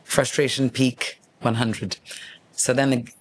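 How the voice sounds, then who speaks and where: A middle-aged man hosting his own show, telling stories in a lively, casual monologue and acting out the people in them. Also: mid-range voice, slow, slight background noise. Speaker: host, former radio host.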